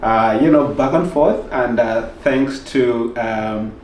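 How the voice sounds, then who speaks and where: A man's voice: mid-range voice, slow pace, darkish tone, echoey room, recorded from a distance, slight background noise. A man hosting a news channel interview on set, talking effusively with many fillers and hesitations. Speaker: interview host. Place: studio set with roomy sound.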